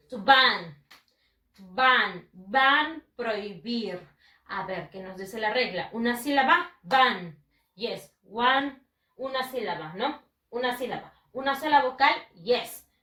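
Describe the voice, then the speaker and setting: Woman, teacher for kids, bright and deliberate, roomy sound. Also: on the high side, lively intonation, distant mic. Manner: patient, repeats words slowly and switches between English and Spanish. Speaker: English teacher. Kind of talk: recorded online class for children.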